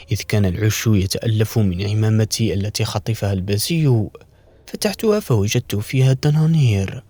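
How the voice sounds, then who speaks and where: A man's voice: mid-range voice, mellow. A man narrating a scripted bedtime folktale as a storyteller, with formal, classical diction. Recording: roomy echo with faint music. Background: faint background music.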